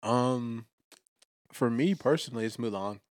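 A man co-hosting a podcast in casual chat, playful and quick to push back. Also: medium pitch, dry recording. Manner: playful, defensive banter. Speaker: podcast co-host.

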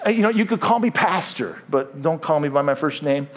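Middle-aged male pastor, slightly high voice, jokey sermon delivery with stumbles. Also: expressive, fairly quick. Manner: jokey, stumbles and repeats words. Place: church.

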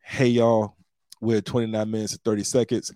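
A man's voice: lowish voice, flat delivery, brisk, warm tone, no echo. A man in his forties hosting a podcast alone, talking casually and with slang, like he is handing out advice. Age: 40s. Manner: slangy, big-brother advice-giving tone. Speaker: podcast host and stand-up comedian. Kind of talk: casual solo podcast monologue.

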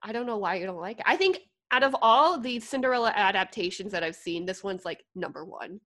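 A woman's voice: mid-range voice, a little fast. A young woman co-hosting a podcast in casual chat, giggly and full of "like". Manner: giggly, animated, lots of "like". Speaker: podcast co-host.

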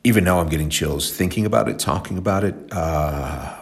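A man's voice: sits low, brisk. A man in his forties hosting a music show, rambling and talkative, a bit stuffed up and tired. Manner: rambling, talkative, self-deprecating. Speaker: radio show host. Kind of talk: casual chatty show talk.

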